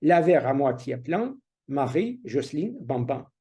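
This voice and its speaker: A man's voice: mid-range voice, sing-song, a little slow, mellow. A man hosting a speaking club meeting, introducing the next speaker formally and with some hesitation.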